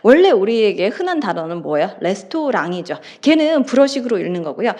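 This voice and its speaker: A woman's voice: medium pitch, big pitch swings, a little fast, a little mellow. A woman with a Korean accent teaching an English lesson, explaining step by step and acting out short dialogue lines. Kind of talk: recorded classroom lecture.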